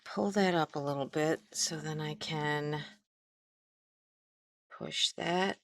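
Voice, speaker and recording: In this laid-back craft lesson, the middle-aged Midwestern instructor takes things slowly, her low, fairly bright voice carrying vocal fry. She chats while demonstrating, drifting and breaking off partway through sentences.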